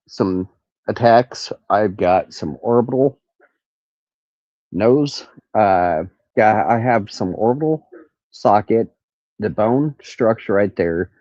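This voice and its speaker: Hosting a casual true crime livestream, a man rambles from an outdoor carport in the countryside, halting to look things up, with crickets and cicadas audible behind him. His nasal voice sits low. The recording is muffled, with no room sound.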